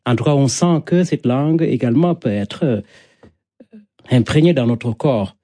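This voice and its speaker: This middle-aged Senegalese storyteller, a native Wolof speaker with a Senegalese accent, answers an interviewer reflectively in poetic phrases that repeat. He speaks at a moderate pace in an expressive, mellow mid-range voice, with no echo.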